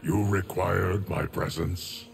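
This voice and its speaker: In this video game role, a man voices an ageless time guardian who is solemn and stoic, his delivery formal, measured and gravelly. The voice sits low with fairly even intonation, though the performance is exaggerated.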